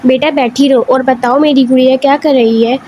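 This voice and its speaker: A kind, soft-spoken older father from a spoken storybook, coaxing and gentle, as a woman reader puts him on. The voice sits high. A faint hiss runs underneath. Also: fairly even intonation, natural voice.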